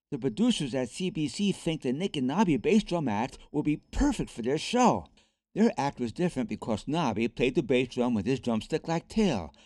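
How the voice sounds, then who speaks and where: A man's voice: fairly high pitch, a little mellow, no echo, clean studio sound. A man reading as an eager young boy. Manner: eager, pleading. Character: excited young boy who performs with his dog.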